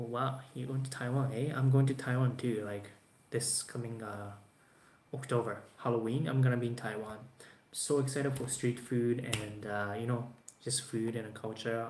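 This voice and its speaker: A man in his twenties, a native Japanese speaker, chats casually on a live stream, answering viewers in a mid-range, darkish voice. Chin in hand, he rambles with frequent "you know" fillers, filmed by a webcam in a small indoor room with a dark backdrop cloth. The audio has a roomy echo and faint background hiss.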